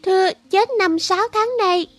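A man's voice: steady tone, normal speed, fairly bright tone, dry recording. A man voicing a poor, frightened little girl who speaks timidly. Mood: timid, tearful. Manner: very high falsetto, timid and sobbing.

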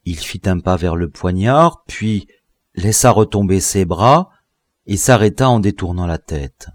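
A low-voiced man narrating a classic novel, his delivery lively and full of rise and fall. The sound is close and dry, with no room around it. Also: measured pace, no room sound. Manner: expressive storytelling. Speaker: audiobook narrator. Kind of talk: scripted narration.

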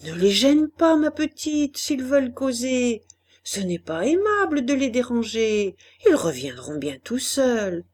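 A woman's voice: high-pitched, big pitch swings, a little slow, darkish tone, heavily acted. A woman voicing an indulgent, plump older woman in a storybook reading, cheerful and obliging.

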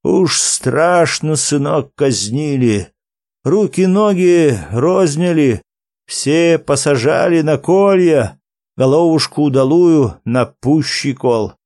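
A man voicing an old wandering minstrel who tells his tale in a fond, drawn-out folk manner. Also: a little high, lively intonation, a little mellow, no room sound, studio quality. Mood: mournful. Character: old male wandering minstrel, gentle storyteller.

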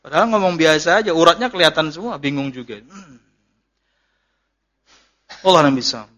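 A man's voice: fairly high pitch, normal speed, fairly bright tone. A man giving a chatty, joking religious lecture and answering questions as an ustadz. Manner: jokey, chatty, laughs at his own jokes. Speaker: ustadz, Islamic preacher. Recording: dull lo-fi lecture recording.

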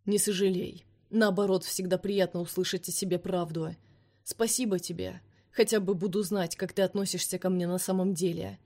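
A woman voicing a fierce, scornful vampire man in an audiobook, speaking forcefully and commandingly. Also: on the low side, fairly even intonation, moderate pace. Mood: cold.

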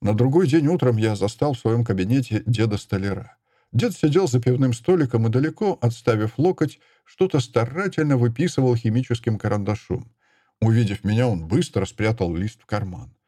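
A man narrating an audiobook in a measured, expressive storytelling manner on a close mic. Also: medium pitch, no echo.

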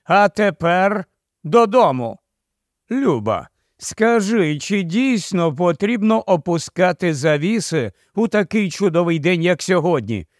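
A man voicing a chatty, vain young noblewoman who gushes loudly and giggles easily. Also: sits high, very animated, measured pace, no echo, clean studio sound. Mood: gushing. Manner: gushing, loud, fussy.

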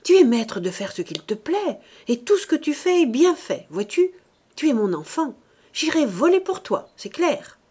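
A woman's voice: mid-range voice, lively intonation, moderate pace, darkish tone, slightly rough. A woman reading an audiobook, voicing a stubborn, fiercely devoted elderly mother who speaks doting words to her son.

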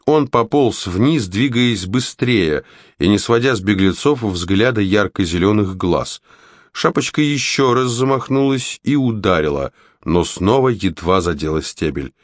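Lively male audiobook narrator, dry close sound. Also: lowish voice, measured pace, no room sound.

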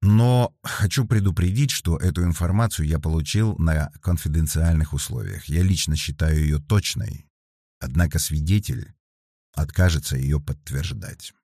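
A calm, thoughtful male detective, as a man reads him in an audiobook, laying out facts in a measured, steady way. His voice is deep and close. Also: no echo. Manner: measured, explaining.

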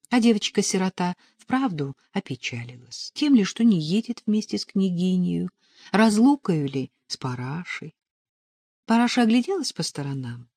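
Lively woman reading a story aloud. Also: low voice, dry recording, studio quality. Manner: expressive, voices the characters in heightened tones. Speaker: audiobook reader. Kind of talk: scripted literary narration.

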